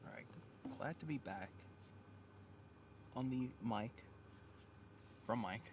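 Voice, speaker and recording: A man's voice: mid-range voice, expressive, slow pace, distant mic, very noisy. A man giving easygoing play-by-play in casual live golf commentary outdoors on a course.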